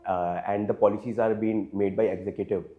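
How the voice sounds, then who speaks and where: With soft music in the background and a phone-like sound, a man in his twenties speaks briskly in a low, fairly even voice with an Indian English accent. As an interview candidate he answers formally yet hesitantly, with frequent fillers, deference, and repeated uses of "sir."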